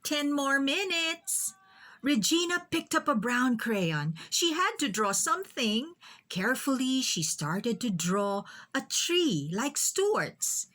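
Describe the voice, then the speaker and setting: A woman with a fairly high voice reads a children's picture book aloud, telling the story in an expressive, deliberate way.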